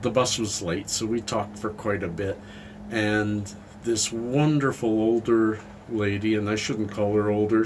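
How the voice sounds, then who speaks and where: Slightly breathless middle-aged Canadian man, low voice. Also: slight background noise, rough recording. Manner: rambling, heartfelt, addresses viewers as friends. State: a little out of breath. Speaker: vlogger. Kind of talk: casual talk to camera. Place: outdoors in the cold.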